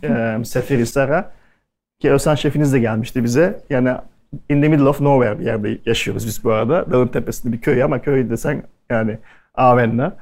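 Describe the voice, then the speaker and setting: This man's voice is medium-pitched, fast, and a little mellow as he casually tells anecdotes to an audience at a culinary event. He acts out the quoted dialogue of the people in his stories.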